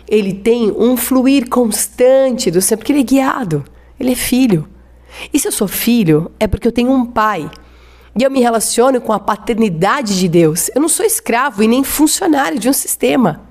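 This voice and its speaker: Fervent woman preacher with a Brazilian accent, sermon to the congregation, emphatic drawn-out words. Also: mid-range voice, darkish tone. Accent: Brazilian Portuguese. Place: church.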